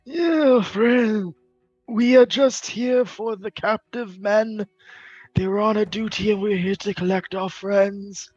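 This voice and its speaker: A man's voice: high voice, takes it slowly, a little mellow, no room sound, pitched above the performer's own voice. A man voicing a male adventurer who formally pleads with goblins in a tabletop game. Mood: diplomatic. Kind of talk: in-character role-play. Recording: dull, dry close-mic sound.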